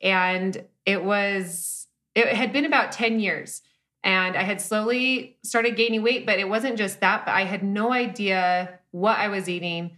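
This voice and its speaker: A woman in her thirties talks openly as a guest in a relaxed interview. Her voice is bright and clear, and her speech wanders with restarts and fillers as she tells her story. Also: medium pitch, measured pace. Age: 30s. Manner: candid, rambling with frequent restarts and "like". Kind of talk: casual conversational interview.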